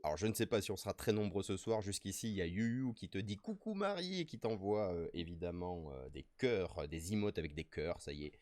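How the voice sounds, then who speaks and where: A man with a French accent hosting a casual nature live stream, playful and excitable as he reads the chat aloud. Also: low voice, fast, few pauses, no room sound, clean studio sound. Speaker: streamer host.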